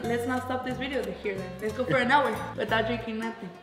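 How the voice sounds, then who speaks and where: A woman's voice: fairly high pitch, steady tone, fast talker. A young woman chatting casually in dramatic slang. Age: young adult. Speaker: challenge participant. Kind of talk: casual chat. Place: large open-plan house, indoors. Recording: echoey room, distant mic, music behind.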